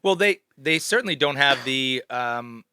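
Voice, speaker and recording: A man's voice: mid-range voice, lively intonation, unhurried, bright, forceful tone, clear, resonant tone, no echo, clean studio sound. A man co-hosting a casual podcast, thinking aloud and asking questions as he talks. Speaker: podcast co-host.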